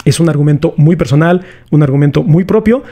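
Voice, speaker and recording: Mellow Mexican man explaining philosophy. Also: on the high side, a little fast. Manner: chatty, slangy, poses rhetorical questions to viewers. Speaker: philosophy video host. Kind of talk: casual explanatory lecture.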